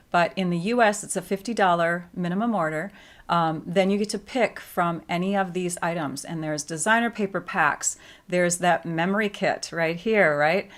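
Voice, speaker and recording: A woman giving a casual paper-craft tutorial, chatty and explaining each step with frequent fillers. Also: fairly low pitch.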